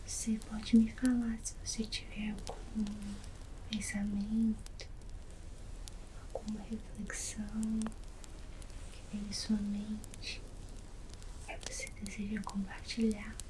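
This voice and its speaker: A Brazilian woman doing a whispered role-play as a massage therapist, soothing and gently guiding in a soft, breathy whisper. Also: mid-range voice, completely flat delivery, slow, long pauses, noisy background. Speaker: ASMR performer playing a massage therapist.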